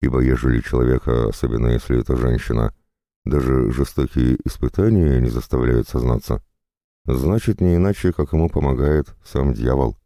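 A man's voice: extremely low pitch, moderate pace, warm tone, no room sound, clean studio sound. Man doing a leering burly jailer-monk. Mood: preachy. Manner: preachy, leering. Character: burly drunken male jailer-monk, lecherous and preachy.

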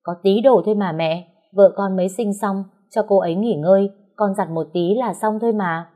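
Woman reading as a gentle, timid young husband. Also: mid-range voice, normal speed, close to an everyday voice.

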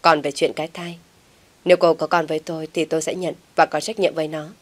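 A woman voicing a blunt young man who speaks firmly and flatly to a pleading woman, in a read-aloud story. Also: low-pitched, fast talker. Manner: blunt and firm.

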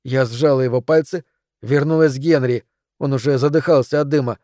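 A man narrating an audiobook in a measured, dramatic reading. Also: mid-range voice, steady tone, dark tone, no room sound, studio quality. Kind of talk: scripted narration.

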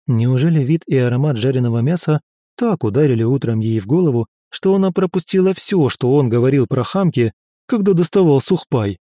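A man narrating a fantasy audiobook in an even, measured storytelling manner. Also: medium pitch, no room sound, studio quality.

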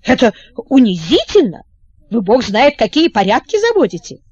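A woman's voice: expressive, measured pace, no room sound, dull audio. A woman voicing a furious, indignant young prince who sputters with rage in an audiobook. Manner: shrill, raging, sputtering. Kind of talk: audiobook character reading.

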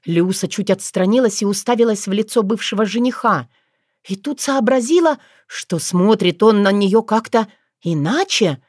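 A woman with a mid-range voice narrates an audiobook, telling the story in a measured, expressive way. The studio sound is clean, with no room sound.

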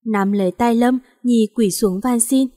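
A woman's voice: fairly high pitch, a little slow, dark tone. Woman narrating a sorrowful melodrama. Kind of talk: emotional story narration. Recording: long hall reverb.

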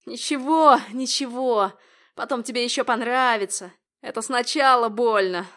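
A woman's voice: on the high side, slow. A woman voicing a snarling brutish thug. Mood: leering. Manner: barking, loud and coarse. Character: brutal crude grown man, snarling thug.

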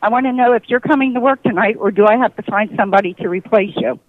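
A woman's voice: fairly high pitch, fast, no echo. A woman posing as someone's boss on a prank phone call, heard over the phone and repeating the same insistent lines. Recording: muffled phone line.

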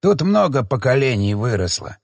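A man voicing a frightened, very old male elder who talks in hushed, halting phrases in an audiobook. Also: mid-range voice, sing-song, vocal fry, dry recording, clean studio sound. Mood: somber recounting. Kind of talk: audiobook character voice.

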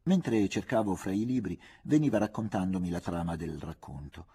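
Deep, dark-voiced male audiobook reader. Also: husky. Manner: measured, expressive reading. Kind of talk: literary audiobook narration.

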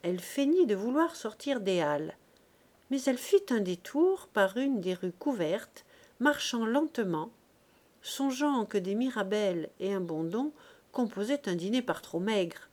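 A woman narrating a classic novel as an audiobook in a measured, expressive reading. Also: medium pitch. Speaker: audiobook reader.

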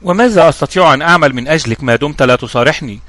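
A man's voice: on the high side, racing, fairly bright tone, no room sound, close to an everyday voice. A man voicing a male police inspector who asks firm, probing questions in a story reading.

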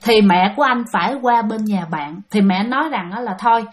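A woman's voice: mid-range voice, a little fast. A woman telling a ghost story in a chatty way, often addressing her listeners directly.

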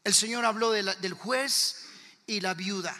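A man's voice: high-pitched, a little slow, sharp tone, long reverb tail. A man with a Colombian accent preaching a fervent sermon to his congregation in church, firing rhetorical questions at the listeners. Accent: Colombian Spanish. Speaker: pastor.

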